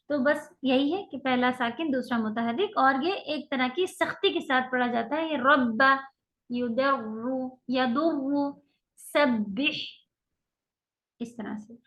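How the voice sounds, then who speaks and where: A woman with a high voice teaches a recitation class. She explains each rule patiently and stretches out the example sounds slowly. The audio is dull and lo-fi. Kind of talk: online tajweed lecture.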